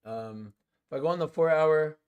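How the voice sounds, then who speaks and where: A man's voice: a little high, normal speed, clear, resonant tone, phone-quality sound. Laid-back young-sounding man streaming trades. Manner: laid-back slangy talk, lots of "like", "bro" and "yo"; explains chart setups step by step to chat. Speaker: day trader streaming live. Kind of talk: casual live-stream trading commentary.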